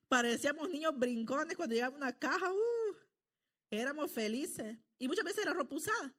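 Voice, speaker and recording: A middle-aged woman from El Salvador with a high-pitched voice delivers a sermon. She speaks earnestly and conversationally, often turning to her listeners with quick tag questions. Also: animated, a bit bright. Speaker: preacher.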